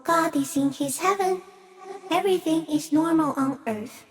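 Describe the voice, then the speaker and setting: Voicing a giant stick insect in a video game, a woman speaks in slow, measured phrases that sound gentle, solemn and cryptic. Her voice sits high.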